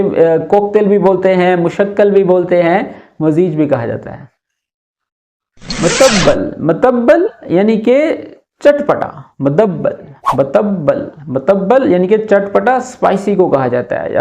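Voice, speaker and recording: A man giving a casual vocabulary lesson, repeating each word slowly and explaining its meaning. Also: high-pitched, a little mellow. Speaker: Arabic teacher.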